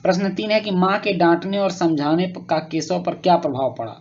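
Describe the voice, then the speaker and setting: A male teacher patiently explaining a school worksheet to children, often pausing with fillers and rephrasing. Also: high-pitched, darkish tone, slight background noise. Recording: muffled lo-fi recording.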